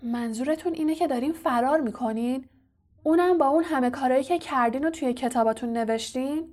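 A woman's voice: fairly high pitch, a little mellow, close to an everyday voice. A woman voicing an earnest, indignant teenage boy wizard confronting his teacher. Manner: earnest and accusing.

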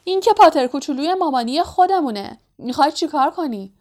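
Peeves, a shrill cackling poltergeist, as a woman puts him on. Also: animated. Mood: mocking. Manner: mocking, shrieking, high and loud.

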